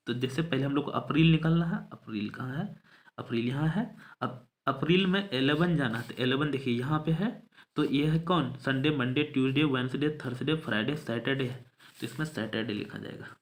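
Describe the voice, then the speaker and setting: Slow easygoing guy teaching kids math, counts days out loud one by one, spells words letter by letter, keeps asking hai na. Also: medium pitch. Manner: often addresses viewers as friends and checks with "hai na". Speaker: math tutor. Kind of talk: casual Hindi lesson working through a calendar worksheet.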